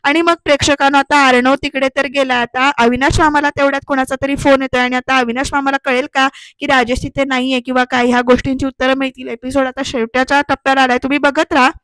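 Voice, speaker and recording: Woman, voice-over serial recap, talks to viewers, high, flat, dry close sound. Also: fast, dry recording, poor audio. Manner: addresses the viewers directly while retelling scenes.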